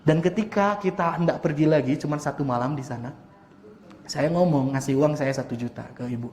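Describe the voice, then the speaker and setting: A man, an Islamic preacher telling personal stories during a mosque study talk, animated and acting out voices as he goes. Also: a little high, brisk, a little hiss or hum. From West Java, Indonesia. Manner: animated storyteller who acts out voices and laughs often. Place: mosque hall. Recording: roomy mosque echo.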